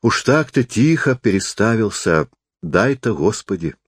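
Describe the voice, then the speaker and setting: A man's voice: fairly low pitch, very animated, measured pace, husky, no room sound, clean studio sound, heavily acted. A man reading a story voices a devout, fretful old peasant woman. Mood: pious, sighing.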